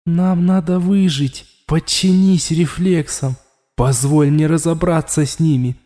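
A man's voice: on the high side, steady tone, a little slow, mellow, soft background music, natural voice. A man voicing an insistent alien presence inside someone's head, urgent and ominous in turn. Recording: long echoing reverb.

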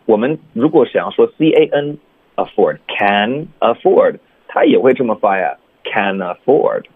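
A man teaching English pronunciation on a radio show, stretching words out slowly to demonstrate sounds. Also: mid-range voice, huge pitch swings, breathy edge. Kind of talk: radio lesson chat. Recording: tinny phone-like radio sound.

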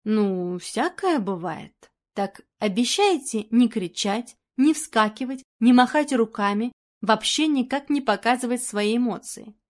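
A woman voicing a calm woman sleuth who talks quietly but firmly. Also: a little slow, few pauses. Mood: hushed firm. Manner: quiet, firm, low-voiced.

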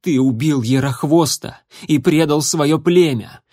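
A man voicing a proud, bitter young male warrior cat who speaks clearly and emphatically. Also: a little high, measured pace, dark tone, no room sound, clean studio sound.

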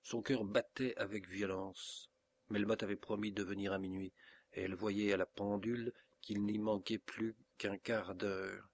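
A man with a French accent reading a classic novel aloud as an audiobook narrator, steady and measured. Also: on the low side.

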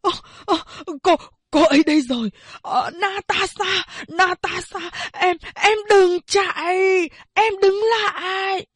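A man's voice: very high voice, slow, no echo, clean studio sound, heavily acted. A woman voicing a young man haunted by visions of his lost love, who stammers and calls out again and again. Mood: distraught. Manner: stammering, breathless repeated calls.

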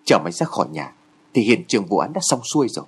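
A man voicing an excitable, nosy teenage boy who bickers urgently with his friend while reading a horror story aloud. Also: lowish voice, fast, slightly rough, full character voice. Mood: eager.

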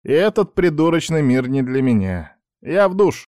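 A man's voice: on the high side, very animated, measured pace, a little mellow, no echo, studio quality, pitched above the performer's own voice. A man voicing a cheeky, defiant teenage schoolboy who mocks his father. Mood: sarcastic. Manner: mocking, defiant.

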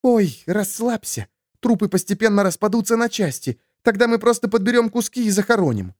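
A man voicing a sharp-tongued, scornful woman who snaps and scolds in an audiobook story. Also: sits high, expressive, brisk, dry recording, studio quality, pitched above the performer's own voice. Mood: scornful snapping. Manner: snapping, scolding, sarcastic.

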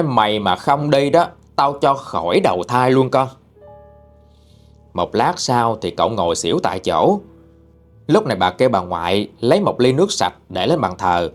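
A man with a Southern Vietnamese accent narrating a ghost story in a plain, conversational way. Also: on the low side.

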